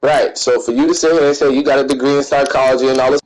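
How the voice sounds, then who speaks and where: A man's voice: medium pitch, steady tone, rapid-fire, darkish tone, rough recording. A man hosting a heated chat, lecturing in slang and hammering the same point over and over. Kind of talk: casual argumentative chat.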